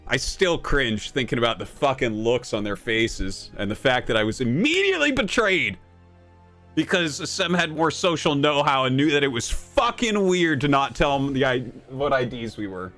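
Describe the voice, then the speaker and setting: A man's voice: mid-range voice, sing-song, moderate pace, a bit bright, faint music behind. A man in his thirties, a game streamer, telling a story and ranting about a match in a sarcastic, profane way. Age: 30s. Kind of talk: casual storytelling and gameplay rant.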